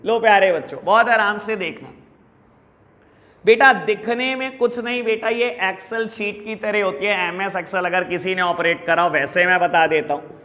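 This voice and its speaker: A middle-aged man with an Indian accent teaching a business studies class in a lecture style, mixing Hindi and English and slowly repeating key terms for his students. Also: high voice, pushed and bright. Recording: echoey room with long reverb.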